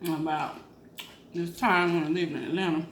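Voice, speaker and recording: A woman's voice: low voice, fairly even intonation, normal speed. A woman chatting informally in a rambling storytime style during a mukbang. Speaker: mukbang vlogger. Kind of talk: casual storytime chat while eating. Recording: roomy echo, faint background noise.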